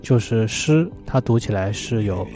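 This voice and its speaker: Thoughtful man with a very dark voice. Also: on the low side, expressive, a little slow, soft background music. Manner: thoughtful, hesitant, many fillers. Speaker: vlogger. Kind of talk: casual solo talk about poetry.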